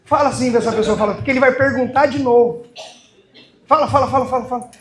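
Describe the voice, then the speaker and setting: A man with a Brazilian Portuguese accent preaching a sermon, calling out to the congregation for responses and reading scripture slowly and solemnly. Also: very high voice, steady tone, a bit bright. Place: church hall. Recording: echoey church hall.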